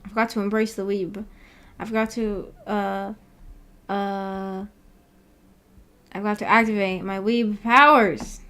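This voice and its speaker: Reading viewer comments aloud with playful giggles, a woman hosts a book club stream indoors using an animated avatar. She's a native English speaker with a mid-range, fairly bright voice, a flat delivery, a slightly slow pace and frequent pauses.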